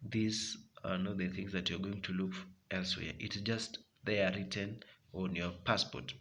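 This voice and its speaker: Kenyan man, bright voice, instructive. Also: lowish voice. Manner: repetitive, instructive, addresses viewers as guys. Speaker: tutorial presenter. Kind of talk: explaining a form step by step.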